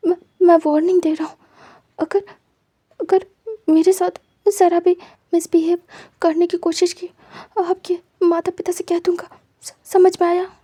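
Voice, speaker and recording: A woman voicing a frightened young man who stammers, near tears, raising a higher voice in defiance. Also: flat delivery, a little slow, pauses often, warm tone. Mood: tearful. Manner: stammering, tearful, raised voice.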